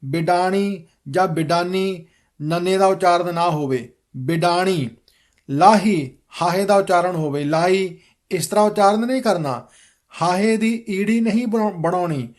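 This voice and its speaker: A man teaching correct pronunciation of scripture, reciting each line slowly and deliberately. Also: high voice. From Punjab. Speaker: kirtan teacher. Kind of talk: recorded lesson on scripture pronunciation.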